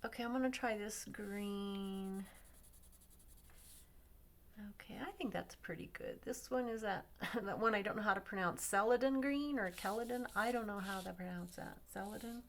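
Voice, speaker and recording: A woman's voice: mid-range voice, moderate pace, vocal fry, a little hiss or hum. Woman narrating a coloring demo, thinking aloud. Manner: relaxed, thinking aloud, drops to near-whispers at times. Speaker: craft tutorial host.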